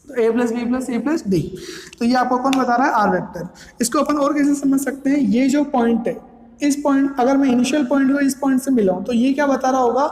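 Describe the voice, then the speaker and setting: A man's voice: extremely high pitch, darkish tone. A man lecturing on physics, asking questions and then answering them himself as he walks through each step. His voice rings out in a roomy space with a long, trailing reverb. The pacing is repetitive and methodical, built for a classroom. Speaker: physics teacher. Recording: echoey room with long reverb.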